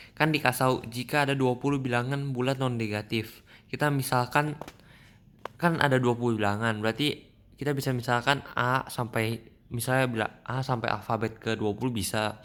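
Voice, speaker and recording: Young man, math tutorial, casual, halting, frequent self-corrections, mid pitch. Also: a bit bright. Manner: halting, many restarts and fillers, informal. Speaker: student explaining a math problem. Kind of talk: screen-recorded math tutorial.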